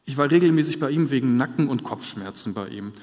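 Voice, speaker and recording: A male preacher delivers his sermon in an earnest, measured way, repeating key phrases to drive them home. His mid-pitched voice carries a long reverb tail from a large church hall. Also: expressive, darkish tone.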